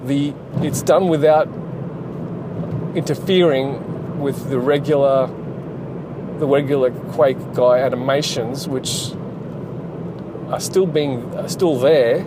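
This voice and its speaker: Road noise hums inside a moving car as a game developer and channel host rambles casually while driving, with plenty of fillers and restarts. He speaks slowly in a steady, mid-range voice and pauses often.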